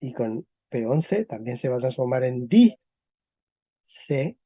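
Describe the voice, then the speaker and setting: A male teacher giving a lecture on the history of Spanish, explaining step by step and checking with quick tag questions. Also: medium pitch, warm tone, no room sound. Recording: dull lo-fi recording.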